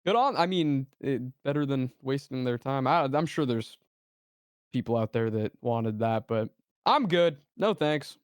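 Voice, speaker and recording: A man's voice: mid-range voice, lively intonation, a little slow, clear, resonant tone. A young man co-hosting a gaming podcast, laid-back, with short reactions and gamer slang. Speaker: podcast co-host. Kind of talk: casual gaming news chat.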